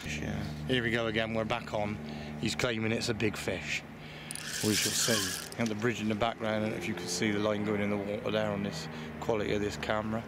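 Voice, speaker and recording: Angler behind the camera, teasing banter, lakeside noise. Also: male voice, on the low side, flat delivery, fairly quick. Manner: joking, teasing, swears freely. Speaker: angler filming his friend. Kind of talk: casual banter while filming. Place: lakeside outdoors. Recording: outdoor ambience and water noise.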